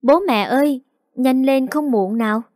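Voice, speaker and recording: A clingy chatterbox of a little girl, as a woman reader puts her on, wheedling her mum and dad in a high, sweet, pleading voice. The tone stays warm and mellow, close and dry, over faint background music. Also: unhurried, no echo. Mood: eager.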